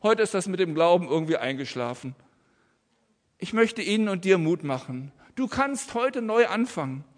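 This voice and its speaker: A man's voice: high voice, big pitch swings, normal speed, long reverb tail. A man preaching a family sermon to children and adults in a church, using simple, friendly words for the children. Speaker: pastor.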